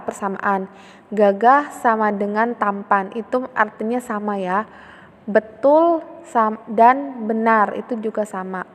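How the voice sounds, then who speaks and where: Woman teacher going over a grammar lesson slowly, kinda high voice, lots of reverb. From Indonesia. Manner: patient, repeats points with tag question "ya". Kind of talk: classroom lesson explanation.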